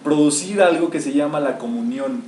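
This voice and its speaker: A man's voice: on the high side, normal speed, darkish tone. A man teaching a spiritual lecture to a live group, emphatic and quizzing his listeners with questions. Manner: emphatic, asks the audience rhetorical questions. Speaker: metaphysics teacher. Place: echoey room with listeners. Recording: echoey room, mic far off, faint hiss.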